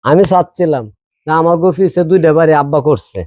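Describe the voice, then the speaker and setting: A man's voice: on the high side, quick pace, warm tone, dry recording, studio quality, lightly acted. A man playing a scheming elder son who wheedles his father for property, speaking. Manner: wheedling, plotting.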